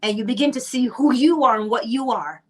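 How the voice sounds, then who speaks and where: A middle-aged Barbadian woman speaks with a Barbadian accent, her voice on the high side and fairly quick. In an emphatic monologue on manifestation, she teaches about spiritual law and fills it with rhetorical questions.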